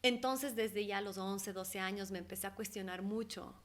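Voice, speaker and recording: A woman's voice: medium pitch, moderate pace. A young adult woman from Ecuador, talking casually and animatedly as an interview guest. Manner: animated, laughs often, acts out quoted voices. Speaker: guest, holistic therapist.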